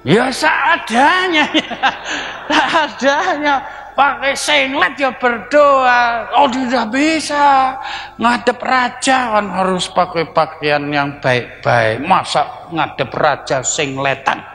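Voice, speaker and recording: A man's voice: extremely high pitch, slow, gravelly, sharp tone. A man, an evangelist telling his testimony in a sermon, laughing often and acting out the dialogue. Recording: hall reverb with faint music.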